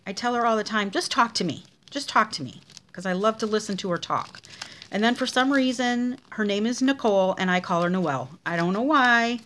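A woman with a mid-range, slightly bright voice talks a little fast over slight background noise. In a craft vlog, she casually shows off handmade cards from card swaps, chatty and gushing over each one.

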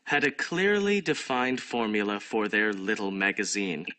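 A man reading an English listening exam passage in a measured, scripted way. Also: on the low side, pushed and bright. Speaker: exam audio reader.

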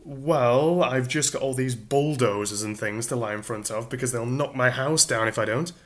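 A man's voice: mid-range voice, normal speed, lightly acted. A man reading a storybook voices a flustered, indignant Englishman lying in the mud, speaking in sarcastic, exasperated bursts.

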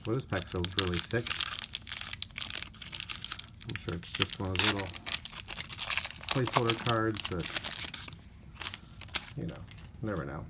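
On camera, a man tears open card packs and talks casually through each, calmly reciting player names in a monotone list and sounding somewhat tired. His fairly low voice comes through a very noisy recording, with crinkling wrappers and clicking cards around it.

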